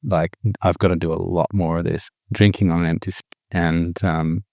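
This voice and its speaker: A middle-aged guest, born in the Philippines and raised abroad, candidly shares his personal recovery story in a reflective way, often restarting his sentences. His low, creaky, darkish voice has a flat delivery at normal speed, with no room sound.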